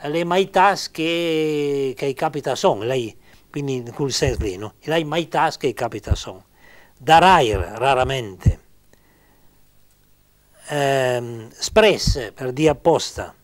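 A man giving an informal grammar lesson, halting and searching for words, repeating terms slowly as he explains. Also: medium pitch. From Argentina. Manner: slow, deliberate, repeating words. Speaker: language teacher.

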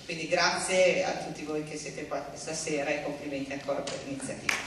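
A woman in her fifties, a city culture councillor, giving an earnest speech on a theater stage into a handheld microphone, with frequent pauses and hesitations. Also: low-pitched, steady tone, a bit bright, slight background noise. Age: 50s. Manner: earnest, measured, with many hesitations. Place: large theater hall, on stage before an audience. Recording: echoey hall, voice from a distance.

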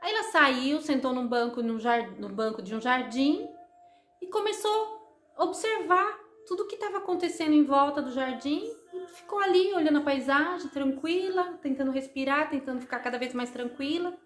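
A woman telling a simple spoken story in a gentle, casual way, often pausing and repeating herself. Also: sits high. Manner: gentle, repetitive storytelling with many hesitations. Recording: echoey room with faint music.

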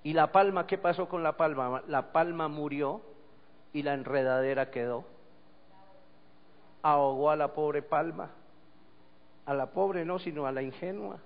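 A pastor with a high voice preaches a sermon, moving between storytelling and forceful scripture reading. The recording is dull and lo-fi, with a long echo from the church hall. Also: male voice, measured pace, pauses often. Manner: storytelling, swelling to emphatic reading.

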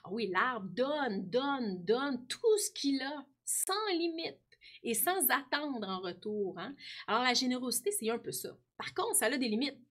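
Québécoise teacher talking to her class, higher voice, bit husky. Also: very animated, unhurried. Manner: warm explaining, frequent tag "hein". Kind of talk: classroom lesson talking to students.

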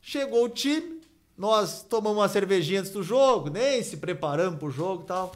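A man from Rio do Sul, telling an animated story on a radio sports show and tagging his sentences with "né?". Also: sits high, moderate pace. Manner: animated anecdote-telling with frequent "né?" tags. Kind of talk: casual studio storytelling. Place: radio studio.

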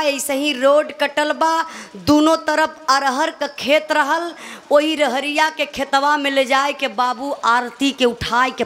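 High-voiced woman storyteller. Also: a bit bright. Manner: addresses listeners as brother. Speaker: folk storyteller singer. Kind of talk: dramatic folk ballad narration.

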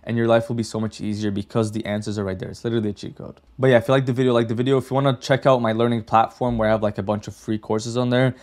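A man's voice: mid-range voice, fairly even intonation, very fast, hardly any pauses, a little mellow. A young man hosting a casual coding tutorial, chatty and direct, often saying "like" and "okay". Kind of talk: casual screen-share tutorial.

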